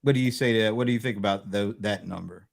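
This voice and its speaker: A man's voice: on the low side, quick pace, creaky. A man co-hosting a casual business show, joking and walking through earnings numbers with asides. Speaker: co-host.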